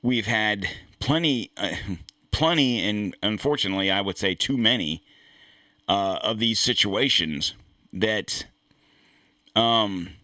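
A man's voice: on the low side, animated, slow pace, pauses often, sharp tone, dry recording, studio quality. A man hosting a political commentary show, talking in a rambling, blunt way with frequent restarts and some swearing. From United States. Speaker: podcast host. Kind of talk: casual political commentary monologue.

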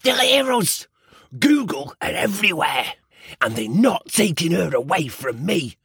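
A man's voice: on the high side, very animated, measured pace, creaky, a bit bright, breathy edge, no room sound, studio quality, full character voice. An actor playing a paranoid, crude male field reporter, gushing over his love with wild swings in his voice. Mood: lovestruck.

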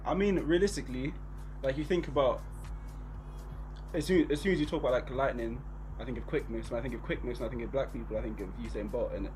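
A young man with a Bristol accent hosts a laid-back podcast, tossing in "bro" and "innit" as he chats. His voice sits at a middle pitch. Faint music plays underneath. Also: quick pace, low-quality recording. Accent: Bristol English. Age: 20s. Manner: relaxed slangy talk with lots of "bro" and "innit". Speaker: podcast host. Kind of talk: casual chat.

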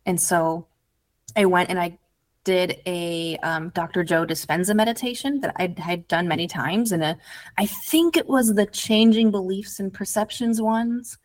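A woman's voice: fairly low pitch, unhurried. A woman guest on a podcast interview, an addiction recovery coach telling her story earnestly and casually, with lots of "like". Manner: earnest, storytelling, heavy use of "like".

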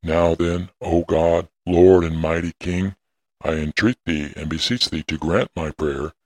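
A man's voice: steady tone, measured pace, no room sound. A man playing a solemn ancient prophet in an audio drama, speaking in grave, archaic tones. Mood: prayerful. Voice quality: very deep husky voice. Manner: solemn, intoning, archaic prayerful delivery.

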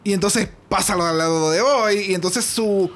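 A man's voice: high-pitched, normal speed, a bit bright. A man with a Puerto Rican accent co-hosting a casual chat, sassy and slangy, dropping in English. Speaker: podcast co-host.

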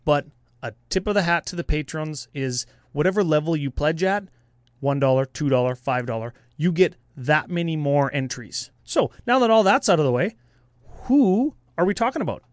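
Easygoing, higher-voiced male podcast co-host. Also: expressive, moderate pace, no echo, studio quality. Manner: easygoing, runs the giveaway details. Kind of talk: casual podcast banter.

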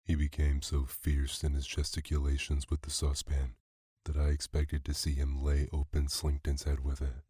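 Very deep calm male storyteller. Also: moderate pace, husky, dry recording, clean studio sound. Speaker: podcast narrator. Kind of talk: bedtime story reading.

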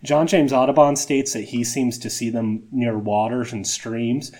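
A man's voice: mid-range voice, steady tone, a little slow, darkish tone. A man hosting a nature podcast in a chatty, folksy, self-deprecating way, his voice reverberating in the entrance of a small cave. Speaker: podcast host. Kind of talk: casual scripted-notes nature narration.

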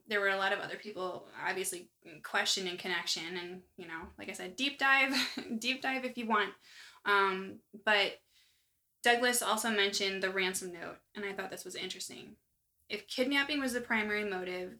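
Bright, chatty woman podcast host. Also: medium pitch. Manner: chatty and animated, fillers and asides. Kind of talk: casual true-crime chat.

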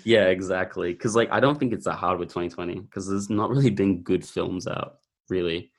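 A young man with a deep, low-pitched voice. He talks in a loose, laid-back ramble, full of ums and likes, as he chats about films. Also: brisk, vocal fry. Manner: rambling, laid-back, heavy use of filler words. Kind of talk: casual chat about films.

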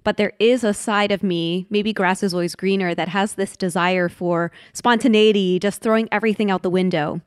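Smooth-voiced woman, thoughtful and candid. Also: mid-range voice, steady tone, dry recording, studio quality. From Washington, D.C., United States. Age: 30s. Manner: thoughtful, candid, slows down on heavy points. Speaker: podcast guest. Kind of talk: reflective interview conversation.

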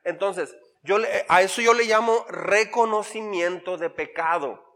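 A man's voice: sits high, measured pace, a bit bright, in a large hall. A man, a pastor giving a conversational sermon full of acted-out quotes and humor.

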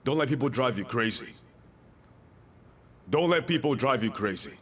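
A man's voice: medium pitch, animated, normal speed, fairly bright tone. A male pastor preaching a sermon, emphatic and repeating his key lines, with joking asides to the congregation.

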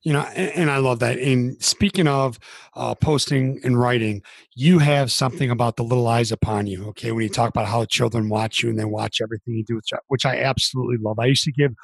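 A man's voice: medium pitch, steady tone, fast talker, creaky, slightly rough, no room sound. A man hosting an interview, affirming his guest and steering the talk in a conversational way. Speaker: podcast host.

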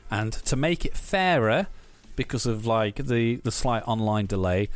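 Jokey man with a lowish voice. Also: animated, unhurried, smooth, no room sound. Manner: jokey, chuckles often. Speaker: podcast host. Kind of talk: casual chat.

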